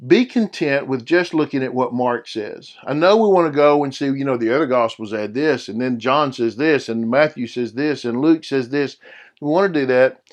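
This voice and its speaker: A man's voice: medium pitch, moderate pace. A middle-aged man teaching a Bible study lesson in a conversational way, often checking in with his listeners.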